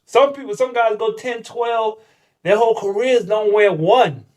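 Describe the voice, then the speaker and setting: A male host in his thirties runs a casual interview chat. He talks in a hyped, slangy, talkative way, and his voice sits a little on the high side. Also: unhurried, darkish tone, low-quality recording. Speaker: host, former basketball player.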